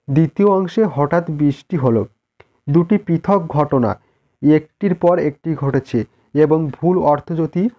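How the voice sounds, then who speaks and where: A Bengali-accented man teaches an exam-prep lesson, dictating each answer in an unhurried, measured way. His voice sits a little high for a man. The recording sounds somewhat dull and muffled. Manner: slow, deliberate dictation with repeated cues to look.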